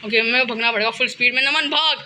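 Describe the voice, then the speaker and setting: A young man with an Indian accent giving excited horror game commentary, panicking and urging himself on by name. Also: very high voice, very fast, slight background noise. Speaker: gaming channel host.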